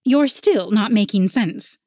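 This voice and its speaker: A woman voicing a stern winged female police officer who barks her words slowly and emphatically. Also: medium pitch, lively intonation, mellow, dry recording, studio quality. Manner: barking, slow and emphatic.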